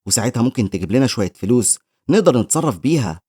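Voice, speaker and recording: A man voicing a poisoned, bedridden young man who speaks gently and sadly, with an Egyptian Arabic accent. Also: medium pitch, sing-song, racing, breathy edge, no echo, studio quality. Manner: sad, gentle.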